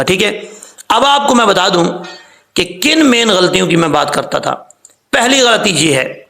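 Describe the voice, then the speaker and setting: A man teaching Quran recitation, explaining each rule and slowly drawing out the example words. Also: fairly high pitch, vocal fry, fairly bright tone. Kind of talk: tajweed lesson.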